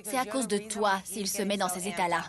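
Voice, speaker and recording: Une femme double en français une jeune femme qui supplie et s'exaspère pendant une dispute de téléréalité. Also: female voice, medium pitch, a little fast, close to an everyday voice. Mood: pleading. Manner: pleading, exasperated. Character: young woman pleading to calm a fight. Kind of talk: French dub of a reality show. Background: music.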